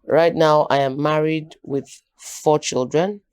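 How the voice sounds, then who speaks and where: A Nigerian woman in her early forties with a low-pitched voice tells her life story in a lively, joking way, dropping into Pidgin now and then. The sound is close and dry, with no room echo. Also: slow pace, smooth. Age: early 40s. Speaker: podcast guest, storyteller. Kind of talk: casual interview chat.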